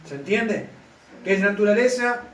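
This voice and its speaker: A man delivers a sermon, checking in with his listeners again and again. His voice sits a little high for a man. He is recorded from some way off in an echoey room. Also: lively intonation, moderate pace, a little hiss or hum. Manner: asks the congregation for constant confirmation. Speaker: pastor. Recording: echoey room, mic at a distance.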